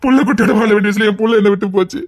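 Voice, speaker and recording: In a TV serial scene, a man with a high-pitched voice plays a lonely, guilt-ridden widowed father in grief. He speaks brokenly and tearfully, lamenting at a racing pace while his tone stays steady.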